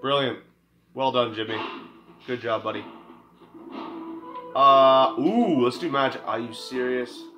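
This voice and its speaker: Excitable man playing a video game. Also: mid-range voice, unhurried, long pauses, low-quality recording. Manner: excitable, exclaims and talks back to the game. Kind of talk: casual let's play commentary. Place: room indoors in front of a TV. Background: game music and sounds.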